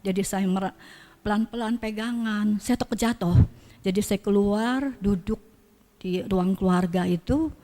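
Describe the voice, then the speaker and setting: A woman's voice: medium pitch, a little slow, warm tone, long reverb tail. An older woman sharing a personal testimony in church, telling her story with emotion and prayer, at times tearful.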